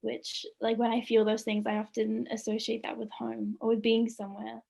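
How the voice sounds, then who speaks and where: A woman's voice: on the high side, monotone, moderate pace, creaky, a little mellow. Chatty young woman, light laughs. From Australia. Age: young adult. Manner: chatty, many "like"s, laughs often. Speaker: student artist, interviewee. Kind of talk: casual interview chat.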